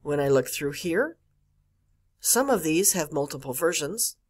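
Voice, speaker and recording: With a low-pitched voice and lively intonation, a woman speaks at a measured pace over a screencast. As a college librarian, she explains the catalog one step at a time in this voice-over, putting emphasis on the key words.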